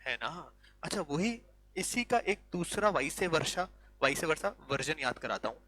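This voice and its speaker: A male law teacher giving an animated classroom lecture, full of rhetorical questions and switching into English. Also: on the high side, normal speed, rough recording.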